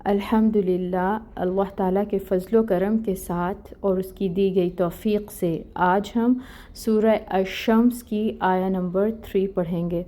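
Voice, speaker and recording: A woman's voice: mid-range voice, fairly even intonation, dark tone. A woman teaching Quran recitation rules, explaining each letter patiently and step by step. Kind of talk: step-by-step tajweed lesson.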